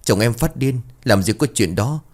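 A man's voice: medium pitch, animated, moderate pace, a little mellow, voice pushed up, lightly acted. A man reading the lines of a chatty, knowing older woman who sells fruit in the village.

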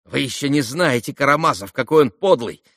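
A man's voice: mid-range voice, expressive, a little fast, fairly bright tone, dry recording, studio quality, voice pushed up. A man reading an audiobook and voicing an eager older schoolboy who taunts and urges. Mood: taunting. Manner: taunting, urgent.

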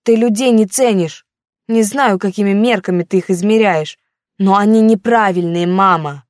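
A woman voicing a defiant, tearful teenage girl who shouts accusations at her mother. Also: mid-range voice, moderate pace, no room sound, clean studio sound, pitched above the performer's own voice, lightly acted. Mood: tearful, accusing. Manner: shouting, accusing, on the verge of tears.

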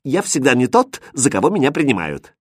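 A man voicing a quick-witted court jester in a storybook reading, bright and mocking. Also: medium pitch, wildly swooping pitch, husky, dry recording, studio quality, voice pushed up, full character voice.

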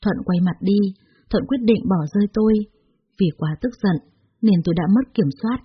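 A woman narrates a dramatic first-person story in a steady, dramatic tone. Her voice is breathy. The recording sounds dull and muffled. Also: mid-range voice, normal speed. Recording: dull lo-fi audio.

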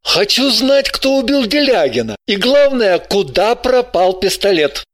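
A man voicing a shy, earnest young man in an audiobook, talking softly and hesitantly. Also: sits high, sing-song, measured pace, no room sound. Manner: soft, hesitant and pleading. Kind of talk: audiobook character voice.

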